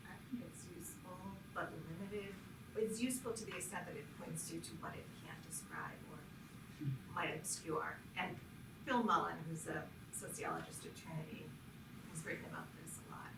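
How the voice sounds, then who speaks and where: A woman speaking thoughtfully on a panel, pausing often with fillers. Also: on the low side, sing-song, gravelly. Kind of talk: panel discussion. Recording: echoey room, far from mic, noise.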